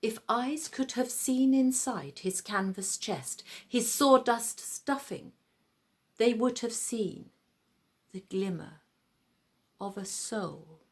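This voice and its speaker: Pausing deliberately and phrasing with care, a woman narrates a children's story in a dramatic, expressive storyteller's style. Her voice sits a little high.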